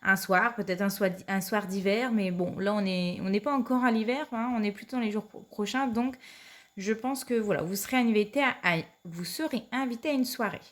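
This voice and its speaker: Speaking briskly at medium pitch, a woman with a cold offers her viewers a weekly card reading. She is a card reader whose delivery is hesitant and crowded with fillers, and "tout simplement" comes up repeatedly.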